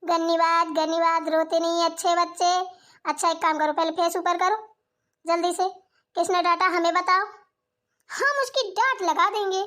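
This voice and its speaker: A sweet, motherly sister-in-law from a cartoon, played by a woman. She coaxes and soothes in a very high voice, talking as though to a small child. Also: fairly even intonation, moderate pace, a bit bright. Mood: coaxing. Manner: coaxing, talks as if to a child. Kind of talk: cartoon voice acting.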